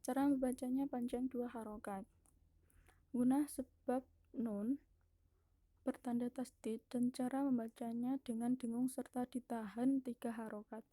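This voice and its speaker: A young woman from Indonesia, a university student, steps through Quran recitation rules one by one for a class presentation. Her voice is very dark and husky and sits a little high for a woman. She stays flat and methodical, and now and then restarts a word mid-sentence. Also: measured pace, no room sound. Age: young adult. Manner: careful and methodical, listing rules step by step.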